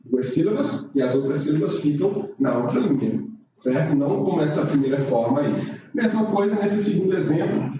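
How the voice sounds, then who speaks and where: A man's voice: on the high side, a little mellow. A male teacher explains writing errors step by step, checking in often with "tá?". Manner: explanatory, frequent "tá?" check-ins. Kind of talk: online writing lesson. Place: room, recorded live stream. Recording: roomy, distant, dull mic with noise.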